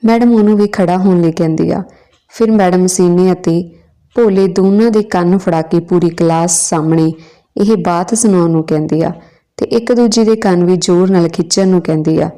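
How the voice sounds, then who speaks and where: Mellow-voiced woman storyteller. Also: fairly low pitch, moderate pace. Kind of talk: storytelling narration.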